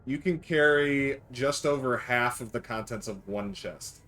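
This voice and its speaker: A man's voice: medium pitch, measured pace, fairly bright tone. Man casually running a tabletop game. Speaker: game master.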